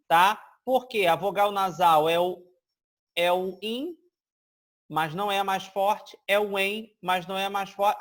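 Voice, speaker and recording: Explaining grammar for an exam step by step, this man stretches out sample words and regularly checks that his listeners are with him. His voice is high-pitched and a bit bright.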